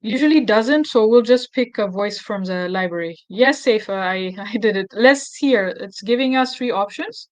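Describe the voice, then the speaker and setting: A woman's voice: mid-range voice, moderate pace, hardly any pauses, no echo. A woman hosting a casual screen tutorial, thinking aloud with fillers and self-corrections. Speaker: tutorial host.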